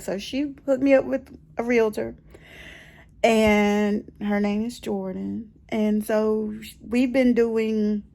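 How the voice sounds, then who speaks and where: Filming a personal vlog in her bedroom, a middle-aged American woman speaks in a mellow, creaky voice on the high side. Her chat is casual and her storytelling expressive, with phrases repeated to drive points home.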